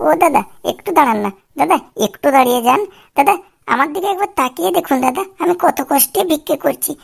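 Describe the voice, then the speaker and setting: A whiny, wheedling cartoon beggar man, voiced by a woman, begging in a high, gravelly sing-song. The words come fast and pitched up, with a rough fry at the edges. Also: full character voice. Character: whiny male beggar voice from a speaker box. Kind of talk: comic cartoon voice acting.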